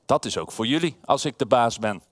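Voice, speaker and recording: A man voicing a vain toy deer in a bedtime story, slowly showing off. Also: mid-range voice, lively intonation, dry recording, clean studio sound, voice pushed down, close to an everyday voice. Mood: boastful. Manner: slow, showing off.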